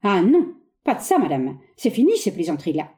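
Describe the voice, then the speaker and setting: A woman reading a stage play aloud, voicing a haughty, exasperated middle-aged gentleman with sharp, condescending exclamations. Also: medium pitch, wildly swooping pitch, a little fast.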